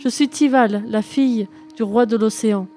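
A woman's voice: on the high side, normal speed, warm tone, faint music behind, lightly acted. Woman doing a young storybook sea princess, scared and begging, lifted voice. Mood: imploring.

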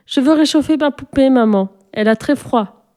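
Woman playing a pleading little girl in a storybook, high and mellow. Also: moderate pace, close to an everyday voice. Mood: insistent. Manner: excited, pleading. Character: little girl, eager and headstrong.

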